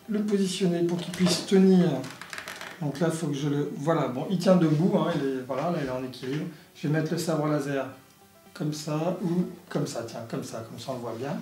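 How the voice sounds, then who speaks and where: A man presents a product in a casual, halting, explanatory way, as in a hands-on toy review. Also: on the high side, warm tone. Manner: halting, explanatory, punctuated with little sound effects. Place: indoor room. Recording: echoey room, faint music behind.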